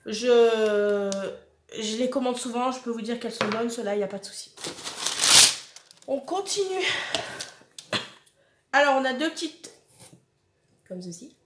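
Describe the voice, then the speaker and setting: Woman vlogger opening a food box, chatty and blunt, slightly high voice. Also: echoey room, a little hiss or hum. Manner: chatty, frank and opinionated, addressing viewers directly. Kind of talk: casual unboxing chat.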